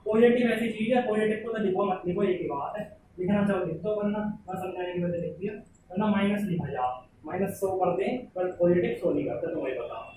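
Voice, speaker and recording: Man, high voice, maths lecture, urgent repetitions, far from the mic, noisy echoey room. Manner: urges students to answer quickly, repeats words. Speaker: maths teacher.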